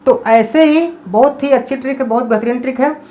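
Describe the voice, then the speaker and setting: A woman teacher explaining a lesson in a classroom style, repeating example words slowly to drill them. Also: sits high, lo-fi sound.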